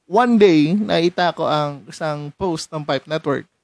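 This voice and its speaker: A man's voice: fairly high pitch, a little slow, darkish tone, no echo. A young man from Rizal in the Philippines, hosting his own podcast in casual chat, laughing often and mixing in English. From San Mateo, Rizal, Philippines. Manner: chatty, laughs often, switches between Tagalog and English. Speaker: podcast host.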